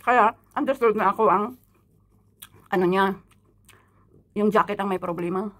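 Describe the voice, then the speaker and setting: A middle-aged woman from the Philippines talks with her mouth full, chewing between words as she gossips through a mukbang. Her voice sits at an ordinary pitch for a woman. She is chatty and easygoing. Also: moderate pace, a bit bright. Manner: chatty, gossipy, laughs often. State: talking while chewing. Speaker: vlogger. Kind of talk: casual mukbang vlog chat.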